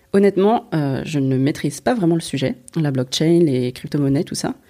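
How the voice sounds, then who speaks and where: A woman's voice: lowish voice, dark tone, slightly rough. A woman presenting a monthly news column on podcasting, reading a script with a lightly wry touch.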